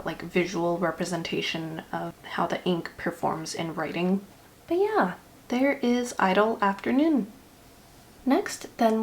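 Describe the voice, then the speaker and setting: A woman with a lowish voice rambles casually about ink swatches for her YouTube vlog. She's slightly self-conscious, and a retainer leaves her with a slight lisp.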